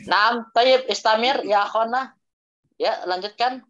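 A man's voice: extremely high pitch, measured pace, a bit bright, slight background noise. A male Arabic teacher leading an online class, drilling vocabulary, repeating and correcting students' answers, and mixing Arabic phrases into his explanations. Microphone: video call. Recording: dull lo-fi video call audio.

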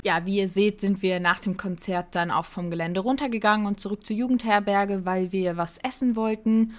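A woman's voice: medium pitch, normal speed, a little hiss or hum. A young woman narrating her convention vlog in a casual, chatty voice-over. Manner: relaxed, chatty recap. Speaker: vlogger narrating.

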